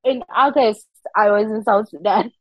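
A young woman from Zimbabwe, a humanitarian worker, telling her story as an interview guest in animated, casual conversation. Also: medium pitch, normal speed, dry recording, muffled recording. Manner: animated storytelling with frequent laughs and quoted asides.

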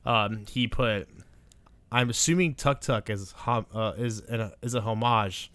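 A young man with a smooth, lowish voice talks as a podcast co-host. His delivery is informal and slangy, and the sound is close and dry. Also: a little slow, fairly bright tone, no echo. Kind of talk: casual film chat.

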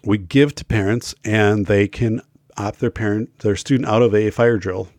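This middle-aged man, host of a school safety talk show, is losing his voice and feels ill as he talks casually to camera, emphatic but riddled with fillers and restarts. The lowish voice has fairly even intonation, a moderate pace and a slightly mellow quality, studio-grade with no echo.

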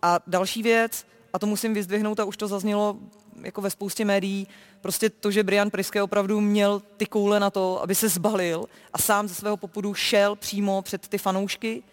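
A woman talking as a sports reporter in a football discussion, animated and emphatic. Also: mid-range voice, in a large hall.

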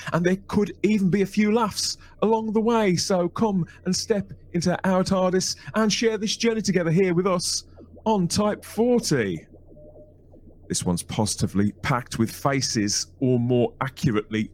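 A podcast host from England with a Birmingham accent reads a playful, chatty intro, poking fun at himself. His voice is medium-pitched and darkish in tone, with a little hiss or hum in the audio.

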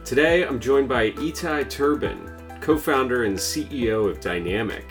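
A man hosting a podcast, reading a scripted intro and then asking his guest questions in a measured, curious way. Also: mid-range voice, expressive, faint music behind. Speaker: podcast host.

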